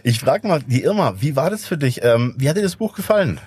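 A man's voice: on the high side, expressive, fairly quick, darkish tone, slight background noise. A man hosting a reading show, reading a book passage aloud and chatting with young readers. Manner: chatty, asks children questions. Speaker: host. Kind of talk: friendly moderation and book reading.

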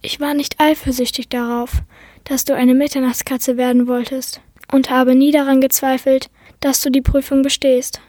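A woman's voice: sits high, level tone, moderate pace, dark tone, dry recording, studio quality. A woman voicing an injured male tomcat in a faint, melodic whisper, as whispered role-play. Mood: confessing.

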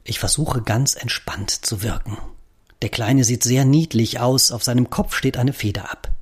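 A man reading a children's story in the first person, gentle and playful. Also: medium pitch, moderate pace, breathy edge. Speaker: narrator. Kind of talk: storybook narration.

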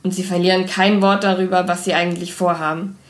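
Woman doing a soft-spoken, sighing old lab boss. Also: on the low side, little pitch movement, quick pace, echoey room, lightly acted. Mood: gentle. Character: kindly, weary male ex-lab boss, gentle.

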